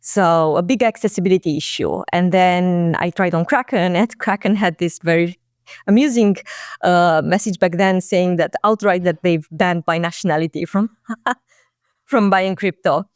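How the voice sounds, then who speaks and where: A woman, a guest talking casually and reflectively in an interview, often pausing on fillers and restarting phrases. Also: on the low side, no room sound, clean studio sound. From Romania. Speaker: guest, marketing executive.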